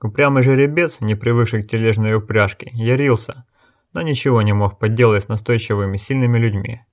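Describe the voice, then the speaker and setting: A man's voice: lowish voice, fairly quick, no echo, studio quality. A man narrating an audiobook in a tense, dramatic style. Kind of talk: scripted narration.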